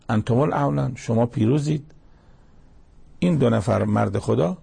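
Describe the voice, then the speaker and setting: A man's voice: mid-range voice, vocal fry, dark tone, breathy edge. A male preacher giving a colloquial sermon that explains scripture, telling anecdotes and breaking into emphatic exhortations.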